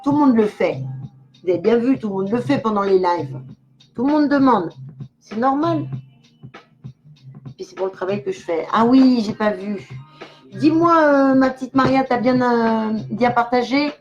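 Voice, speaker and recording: A woman's voice: on the high side, expressive, moderate pace, long pauses, darkish tone, dull audio, soft background music. An older woman, a clairvoyant medium, chatting casually and giggling as she talks straight to the viewers of her live stream.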